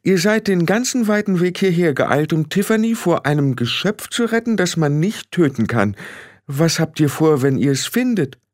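A fussy, anxious old witch, put on by a man reading an audiobook, frets and scolds. Her voice sits well above a man's usual pitch. The recording is dry and close. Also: animated, normal speed, no room sound, close to an everyday voice. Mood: doubtful. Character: elderly fussy witch woman, anxious and proper. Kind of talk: audiobook character voice.

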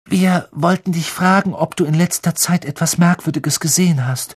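A reader voicing an earnest, brisk schoolgirl in a raised, bright, placating tone. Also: medium pitch, slightly rough, pitched above the performer's own voice, natural voice. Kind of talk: audiobook reading.

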